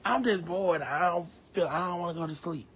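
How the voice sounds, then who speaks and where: A man casually reading viewer comments aloud on a live stream, chatty and slangy, reacting loudly and laughing. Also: sits high, fairly quick, breathy edge.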